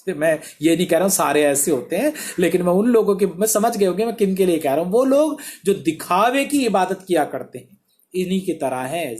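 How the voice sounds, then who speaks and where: A man's voice: sits high, a little mellow. A male pastor preaching a sermon in an emphatic, exhortative way, asking many rhetorical questions.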